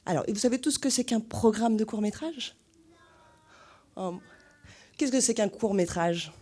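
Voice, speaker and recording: Animated woman greeting children at a cinema. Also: medium pitch, normal speed. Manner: animated, asks the children questions. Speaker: cinema host presenting a screening to children. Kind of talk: lively talk to young children. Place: cinema hall.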